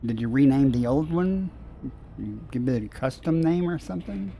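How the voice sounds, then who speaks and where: Man, game streamer, mellow tone, thinks out loud, dry sarcastic asides, casual chat with viewers. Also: mid-range voice, animated, normal speed, creaky, slight background noise. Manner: musing aloud while playing, dry sarcasm.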